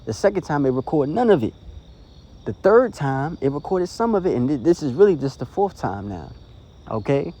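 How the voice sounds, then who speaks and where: A man's voice: on the high side, sing-song, moderate pace, mellow. A man preaching informally into his phone, earnest and rambling, tagging lines with "you know" and "okay?". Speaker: street preacher. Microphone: phone recording.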